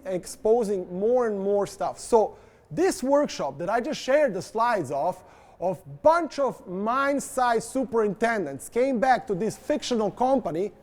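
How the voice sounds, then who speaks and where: Male presenter, high voice, casual joking delivery, talks straight to the audience. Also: darkish tone. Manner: informal, joking, addresses audience directly. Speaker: industry presenter. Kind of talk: conference presentation. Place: event presentation.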